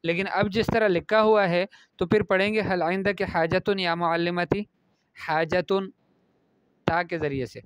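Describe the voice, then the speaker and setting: Man, reading Arabic phrases and explaining them, smooth voice, dry close sound. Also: high voice, fairly even intonation, dry recording. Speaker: Arabic teacher. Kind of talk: classroom lesson explaining Arabic pronunciation in Urdu.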